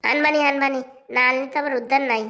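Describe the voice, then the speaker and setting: This is a hapless cartoon husband who tries to calm his wife down, played by a woman. The voice sits fairly high and the words come very fast. He sounds mild and placating. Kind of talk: cartoon voice acting.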